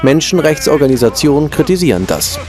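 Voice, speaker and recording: A man's voice: a little high, big pitch swings, fairly quick, a little mellow, soft background music. A man reading a scripted news report as a reporter.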